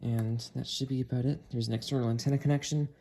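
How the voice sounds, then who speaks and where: A medium-pitched, warm, creaky voice with fairly even intonation moves fast through a casual, chatty product review, handling the gadget as it goes. The speaker hosts a gadget review video, recorded noisily indoors at home with clicks and handling sounds.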